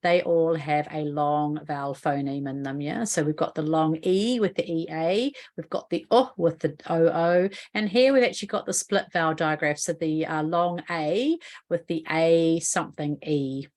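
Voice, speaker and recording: Her voice is low-pitched and a little mellow, moving at a moderate pace. She is a New Zealand-accented literacy educator giving a patient, explanatory video lesson on a spelling rule, frequently putting questions to the viewer.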